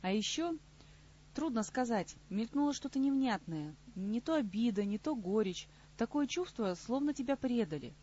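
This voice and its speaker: A woman's voice: a little high, animated, normal speed, warm tone, breathy edge. Grumpy blunt young guy telepath voiced by a woman, audiobook, muffled. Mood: grumbling. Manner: grumbling, curt. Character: young male telepath agent, sullen and blunt. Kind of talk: audiobook character reading.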